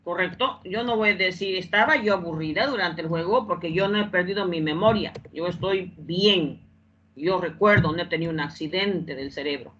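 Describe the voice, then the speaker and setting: A woman teaching in a bright, sharp voice, going over each point twice and asking if the class is with her. The sound is dull and muffled, like a video-call lesson. A faint hiss and keyboard clicks sit behind her. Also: lowish voice, normal speed. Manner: repeats phrases, keeps checking understanding. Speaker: English teacher. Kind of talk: online class explanation.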